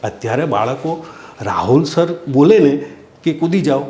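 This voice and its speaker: A man's voice: a little high, lively intonation, measured pace, dark tone. A middle-aged man, a school principal, telling heartfelt stories from his school in an earnest, emotional way in an interview. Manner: earnest, emotional, keeps addressing the listener as sir. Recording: roomy echo.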